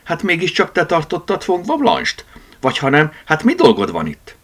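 A man's voice: on the high side, wildly swooping pitch, fairly bright tone, pitched above the performer's own voice, heavily acted. A man doing a touchy anxious tomcat. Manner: anxious, quick-tempered. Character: proud, touchy male tomcat.

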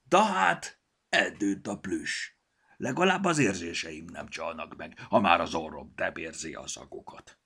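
A man's voice: low-pitched, animated, pushed and bright, breathy edge, exaggerated voice. A man voicing a small gnome with a cold, talking through a stuffed-up nose and sometimes grumbling. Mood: grumbly stuffy. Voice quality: stuffy nose, blocked consonants. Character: sniffly little gnome with a cold.

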